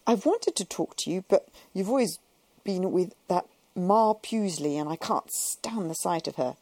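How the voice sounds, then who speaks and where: A woman's voice: on the low side, animated, measured pace, darkish tone, no echo. A woman reading the part of a languid, luxurious society woman who gossips in an imperious drawl. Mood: urgent gossip.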